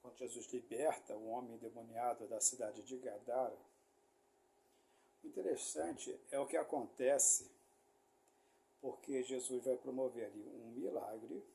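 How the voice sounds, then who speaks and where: Male preacher, Rio accent, gravelly and mellow, conversational rambling teaching style. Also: medium pitch, measured pace. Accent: Brazilian Portuguese, Rio de Janeiro. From Rio de Janeiro, Brazil. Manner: explanatory, rambling, many fillers and tag questions. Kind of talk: informal sermon teaching.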